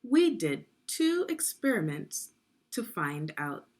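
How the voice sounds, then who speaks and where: Slow, very animated and a little mellow, this woman's mid-range voice carries a guided story session for children. She articulates carefully, teaches as she reads, and invites the young listeners to answer questions.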